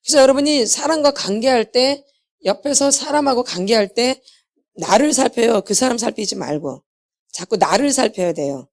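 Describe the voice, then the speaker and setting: A woman delivers a sermon at a healing meeting, her fairly high voice rising and falling with lively swings. She keeps repeating key phrases for emphasis and tosses questions to the congregation before answering them herself. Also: normal speed. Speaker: healing ministry lecturer.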